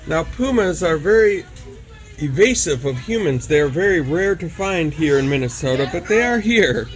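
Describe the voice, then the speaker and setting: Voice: medium pitch, animated, moderate pace. A travel vlog host narrating animal sightings casually, in an awed, exclaiming manner. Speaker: host of a travel video channel. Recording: music behind the voice. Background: music.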